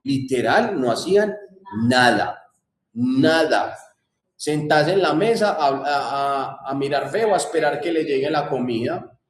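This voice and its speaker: A man's voice: a little high, lively intonation, a little slow, echoey room. A man teaching a class in a conversational way, repeating points and asking rhetorical questions. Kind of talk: classroom lecture.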